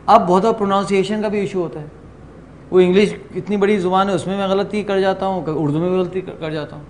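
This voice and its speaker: A middle-aged man from Pakistan leading a workshop, telling stories in an animated way and slipping into English phrases. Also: high-pitched, a little hiss or hum. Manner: animated storyteller, acts out quoted exchanges, mixes in English. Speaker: workshop trainer. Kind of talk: lively lecture to a class. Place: training room with a group.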